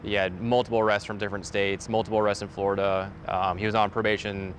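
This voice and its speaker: A man's voice: lowish voice, level tone, fast talker, slight background noise. A male police deputy recounting an incident in a matter-of-fact interview style.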